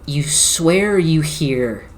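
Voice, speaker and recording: Game master narrating slowly, descriptively. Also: mid-range voice, animated. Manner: slow descriptive narration with filler words.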